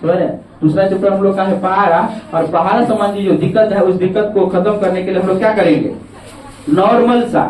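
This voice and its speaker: High-voiced male teacher. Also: brisk, darkish tone, a little hiss or hum. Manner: coaxing, repeats checks on understanding. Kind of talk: classroom math lesson. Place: classroom. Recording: echoey classroom from far off.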